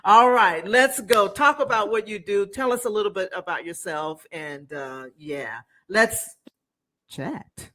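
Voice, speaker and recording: A woman's voice: mid-range voice, a little slow, a bit bright. A woman hosting a podcast interview, chatty and rambling, upbeat and laughing easily. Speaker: podcast host. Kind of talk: casual interview chat.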